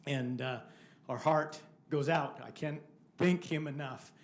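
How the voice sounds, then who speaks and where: An older man, a grandfather, giving an emotional thank-you speech at a council meeting, halting and fighting back tears. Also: fairly high pitch, steady tone. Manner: halting, choked up, many restarts. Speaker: grandfather of the child.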